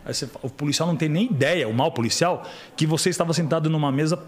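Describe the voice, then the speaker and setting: A man's voice: fairly high pitch, fast talker, slight background noise. A middle-aged man from Brazil, a podcast guest in casual conversation, telling stories and acting out the voices of the people in them. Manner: animated storyteller, acts out quoted dialogue.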